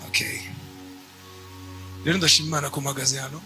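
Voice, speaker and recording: A young man from Rwanda giving a church testimony in short, measured phrases, pausing for an interpreter. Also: fairly high pitch, steady tone, over music. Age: young adult. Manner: measured, speaks in short bursts.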